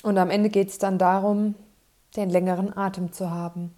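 A woman life coach giving a spoken self-help talk, calm and persuasive, adding "ja" tags and repeating set phrases. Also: mid-range voice, moderate pace. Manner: calm, persuasive, with frequent "ja" tags and small restarts.

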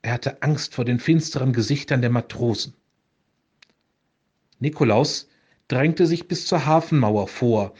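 Calm man reading a legend. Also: medium pitch, measured pace, long pauses, husky. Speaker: pastor. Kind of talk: reading a legend aloud for radio.

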